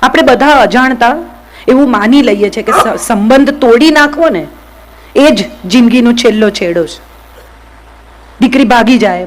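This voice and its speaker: A woman's voice: a little high, low-quality recording. A woman giving a motivational speech to an audience, speaking directly and firing questions at the listeners. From Gujarat, India.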